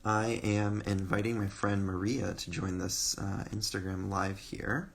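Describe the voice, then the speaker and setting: Hosting a live online interview, a man speaks in a low, steady, creaky voice without hurrying. His questions come out haltingly, riddled with ums and restarts.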